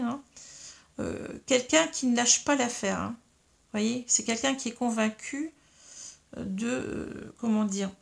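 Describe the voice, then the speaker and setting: Gravelly-voiced woman reading tarot cards. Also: a little high. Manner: explains slowly to viewers, many fillers and "hein". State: slight frog in the throat. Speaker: tarot reader.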